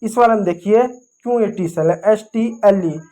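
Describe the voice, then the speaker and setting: A woman's voice: medium pitch, normal speed, mellow. Woman, English teacher, patient, repetitive, spells letter by letter. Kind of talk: explaining English spelling rules in Hindi.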